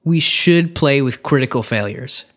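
A man's voice: mid-range voice, lively intonation, measured pace, a bit bright. A man chatting casually as the host and dungeon master of a tabletop gaming podcast.

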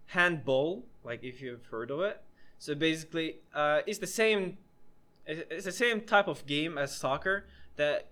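A man's voice: fairly high pitch, pushed and bright. A young man hosting a casual podcast chat, talking hesitantly with many restarts and fillers. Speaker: podcast host.

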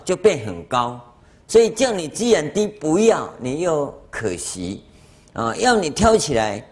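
A man with a Taiwanese Mandarin accent giving a Buddhist dharma lecture as a master, telling anecdotes and acting out dialogue with chuckles. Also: medium pitch. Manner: animated storytelling, acts out dialogue, chuckles. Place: lecture hall.

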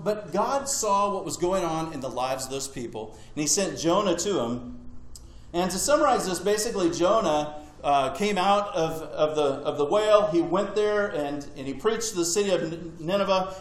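A man's voice: fairly high pitch, reverberant, poor audio. A man preaching a sermon, retelling scripture conversationally with humorous asides.

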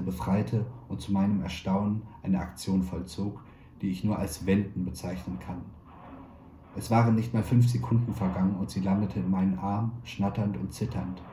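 A man, a stage actor, reading a literary short story aloud in a measured, quietly wry way. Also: deep voice. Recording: roomy echo, faint background noise.

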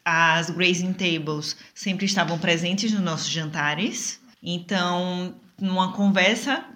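A Brazilian woman from Sergipe with a matching accent, a nutritionist and business co-owner, calmly introducing herself in an interview. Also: on the low side, slow pace. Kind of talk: casual recorded interview.

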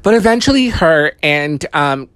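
A person giving a casual, gossipy recap of a reality show, talking fast and loose with lots of "like" and swearing. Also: medium pitch, lively intonation, fairly bright tone, no echo. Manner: chatty, profane, many "like" fillers.

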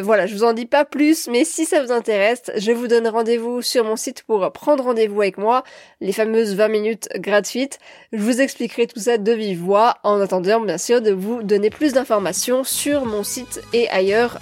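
A woman's voice: fairly high pitch, moderate pace, a little mellow, dry recording, clean studio sound. Upbeat French woman podcast host. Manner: upbeat, direct address to listeners. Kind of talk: scripted podcast talk.

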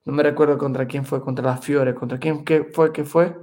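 Excitable man in casual podcast chat. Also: a little high, normal speed. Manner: excitable, repeats words while searching for them. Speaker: podcast co-host.

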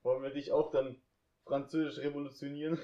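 A man's voice: medium pitch, little pitch movement, brisk, warm tone, muffled recording. Teasing young man with dry quips. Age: young adult. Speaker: podcast co-host. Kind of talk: casual chat. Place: room in a friend's home.

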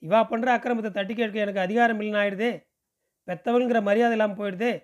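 A man's voice: high voice, steady tone, quick pace, lightly acted. A man reading as a grieving elderly mother. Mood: lamenting. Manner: anguished inner monologue. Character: distressed elderly Brahmin mother, lamenting. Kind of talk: audiobook reading.

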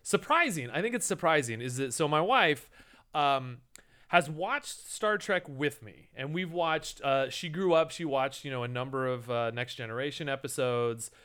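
A man's voice: medium pitch, lively intonation, normal speed, fairly bright tone, smooth. A man co-hosting a podcast in casual chat, rambling along with many fillers and restarts. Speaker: podcast co-host.

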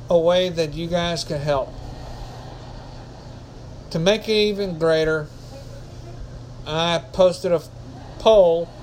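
A man's voice: on the high side, slight background noise, low-quality recording. A man hosting a casual solo podcast, rambling and often correcting himself. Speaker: podcast host.

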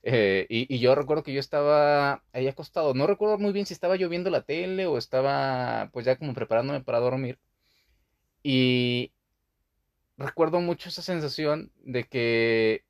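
A man's voice: mid-range voice, lively intonation, normal speed, dry recording, studio quality. A young man hosting a podcast, talking through a childhood memory in a rambling, casual way with many fillers. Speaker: podcast host.

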